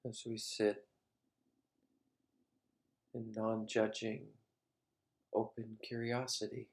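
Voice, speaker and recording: Speaking in a fairly low pitch, a male meditation teacher guides a session. His delivery is calm, with short, measured phrases and long pauses between them.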